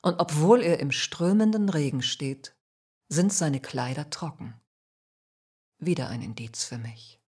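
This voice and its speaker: A woman with a low, husky voice tells a first-person spiritual story. She speaks slowly, calm and measured, and stays soft-spoken throughout.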